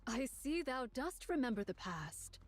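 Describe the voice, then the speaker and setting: High, unhurried, old-fashioned formal speech; lofty game character. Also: female voice, sing-song, full character voice. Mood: musing. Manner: archaic formal phrasing, theatrical. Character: archaic-speaking woman, formal, lofty and curious. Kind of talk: video game voice acting.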